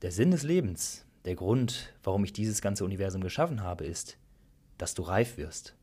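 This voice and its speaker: A man reading the lines of a calm, all-knowing creator god in a spoken story, slow and explaining, with a low husky voice. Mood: patient.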